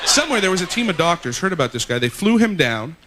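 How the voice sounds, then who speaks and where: Animated stand-up comic man, high voice. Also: quick pace. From Canada. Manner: animated, acts out characters in jumps of pitch. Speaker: stand-up comedian. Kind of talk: stand-up comedy set. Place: concert hall stage with a laughing audience. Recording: loud audience laughter and room noise.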